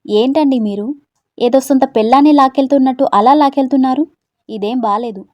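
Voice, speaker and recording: A woman's voice: high voice, a little fast, no echo, muffled recording, pitched above the performer's own voice, natural voice. A woman doing a stubborn, protesting young woman. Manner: sharp, protesting. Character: young woman Tara, stubborn, irritated, scared of water.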